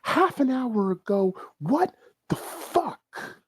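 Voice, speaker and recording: A man voicing an irritable, foul-mouthed young woman who works at a fast-food counter and yells and swears. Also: very high voice, big pitch swings, husky, pitched above the performer's own voice, exaggerated voice. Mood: angry yelling. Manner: yelling, swearing.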